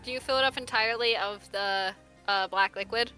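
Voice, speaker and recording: A woman's voice: medium pitch, fairly quick, sharp tone, smooth, faint music behind, rough recording. A woman narrating a tabletop fantasy game as game master.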